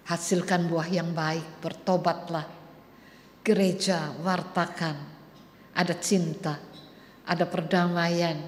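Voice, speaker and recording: A woman preacher giving an earnest storytelling sermon in a church. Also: fairly low pitch. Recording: echoey church hall, faint noise.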